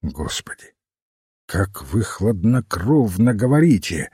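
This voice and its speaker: A man voicing an earnest, excitable young gentleman in a storybook reading, with a husky, mellow voice and lively intonation. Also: mid-range voice, measured pace, dry recording, clean studio sound. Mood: eager. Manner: eager, agitated.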